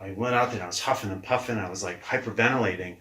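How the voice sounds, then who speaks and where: A man in his forties, a guest leadership coach, telling stories from his life in casual conversation with an animated, mildly profane manner. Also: on the low side, rapid-fire. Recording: echoey room.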